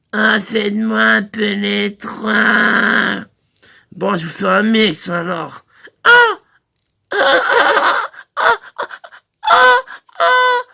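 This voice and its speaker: A man's voice: sits high, creaky, sharp tone. A man performing a comic phone-sketch monologue as a sex-shop receptionist, rambling through crude sales patter full of hesitations.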